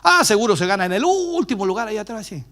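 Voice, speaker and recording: A pastor with a Chilean Spanish accent preaches a sermon, retelling a story in a high, wide-ranging, sing-song voice at a fast pace. He swings from loud cries to hushed whispers. Along the way he acts out the voices of the bystanders in the story.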